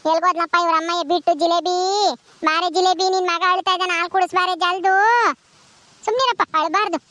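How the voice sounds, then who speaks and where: A woman's voice: very high voice, fairly even intonation, quick pace, bright, forceful tone, no room sound. A woman playing an ailing, bossy village wife in a comedy skit, with a rural Karnataka Kannada accent and a nagging, scolding manner.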